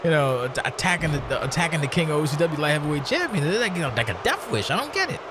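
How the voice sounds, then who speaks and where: A man giving conversational color commentary on wrestling, casual and salty, with halting phrasing. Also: a little high, sing-song, noisy background.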